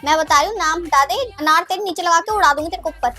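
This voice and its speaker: A woman's voice: extremely high pitch, fast talker, bright, forceful tone, faint music behind. A woman playing a hot-headed schoolgirl who bickers, makes wild threats and throws insults. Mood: quarrelsome.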